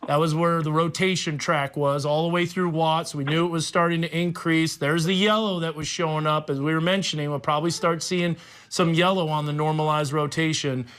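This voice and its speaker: A man with a slightly high voice works as a TV meteorologist in live storm coverage. He speaks off the cuff, explaining what is on screen and giving the crew instructions as he goes. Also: fairly even intonation, a little fast, fairly bright tone. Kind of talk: live unscripted severe weather coverage. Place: TV studio.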